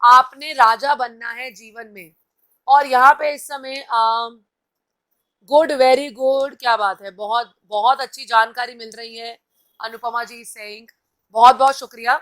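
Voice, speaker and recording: A woman's voice: fairly high pitch, steady tone, unhurried, a bit bright. A woman host giving a live-stream motivational talk, coaching viewers directly and reading out their comments. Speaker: TV anchor and host.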